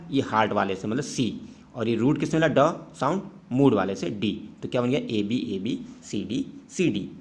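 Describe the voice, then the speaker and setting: A man with an Indian English accent explains exam answers patiently, step by step. His voice sits at an ordinary middle pitch. He moves easily between Hindi and English as he teaches. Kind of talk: exam-prep lesson.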